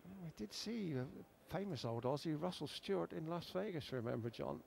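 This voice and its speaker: Higher-pitched gravelly male darts commentator. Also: expressive, a little fast, darkish tone, a little hiss or hum. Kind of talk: sports commentary, explanatory and chatty.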